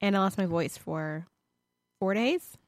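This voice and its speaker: A woman's voice: mid-range voice, unhurried, no room sound, clean studio sound. A woman co-hosting a podcast in casual chat, sounding nasal and congested as she recovers from a cold, rambling and laughing often. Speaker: podcast co-host.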